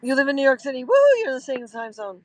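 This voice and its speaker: A woman's voice: high-pitched, steady tone, racing, dry recording, poor audio. A woman hosting a casual livestream from a car, chatting in a rambling way with lots of fillers. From Canada. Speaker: livestream host. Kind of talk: casual live chat while riding in a car. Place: in a car at night.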